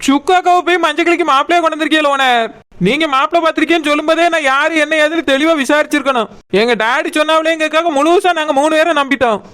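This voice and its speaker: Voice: high voice, very fast, a bit bright. A performer voicing an anxious, meddling young village woman in a cartoon, pleading and earnest. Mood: worked up. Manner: pleading, earnest, tearful at times. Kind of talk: cartoon voice acting.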